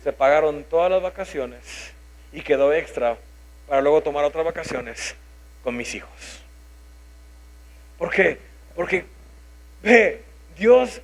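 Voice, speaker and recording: A man's voice: high voice, vocal fry. A man in his thirties with a Mexican Spanish accent, preaching a sermon, telling a personal story and acting out his own thoughts. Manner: animated, acts out his own inner voice.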